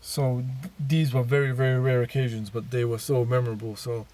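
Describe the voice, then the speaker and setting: A man's voice: mid-range voice, flat delivery, fairly quick, darkish tone. A man telling his personal story in a casual monologue, rambling with many fillers and restarts.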